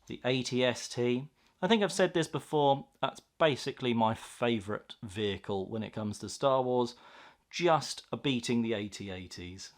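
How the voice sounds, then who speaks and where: The host of a card pack unboxing talks through it with relaxed enthusiasm, voicing his reactions to what turns up. He has a medium-pitched voice and speaks at a normal speed.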